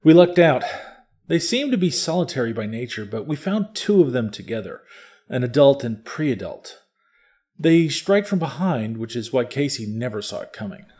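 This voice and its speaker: Man voicing a smug male scientist, mellow tone, matter-of-fact, lecturing. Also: medium pitch, sing-song, normal speed, lightly acted. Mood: explaining. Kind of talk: audiobook character reading.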